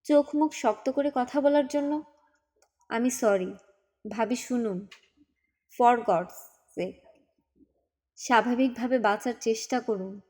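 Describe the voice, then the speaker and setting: A woman's voice: a little high, takes it slowly, long pauses, darkish tone. A woman voicing an earnest young uncle who pleads firmly with his sister-in-law in an audiobook. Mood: pleading, firm. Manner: pleading yet firm.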